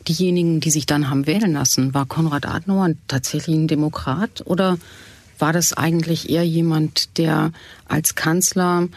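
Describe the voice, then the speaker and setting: A man's voice: fairly high pitch, steady tone, normal speed, no echo. A man moderating a panel discussion, asking pointed questions and adding context. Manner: prompting, asks pointed questions.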